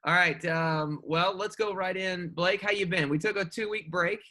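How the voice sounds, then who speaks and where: A man's voice: high voice, fairly even intonation, sharp tone. A man co-hosting a podcast, joking and teasing his guest in casual chat. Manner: joking, teasing, quick to banter. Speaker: podcast co-host.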